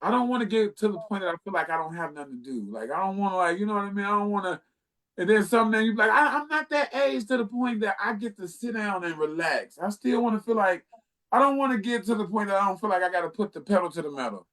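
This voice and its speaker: An American man in his late thirties, appearing as a talk show guest, tells personal stories with emphasis, repeating phrases and acting out what others said. His high, slightly bright voice is fast and animated.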